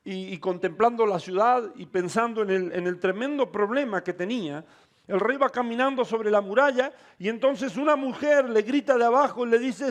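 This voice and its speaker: A man with a high voice preaches a sermon. He tells the story with drama and calls out to his listeners. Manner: calls out to the congregation. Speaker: pastor.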